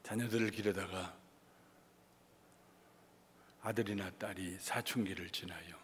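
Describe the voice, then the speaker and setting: A male pastor giving an expository sermon with lively delivery, acting out everyday family scenes. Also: sits low, measured pace, big-room sound, slight background noise. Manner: animated, acts out everyday scenes.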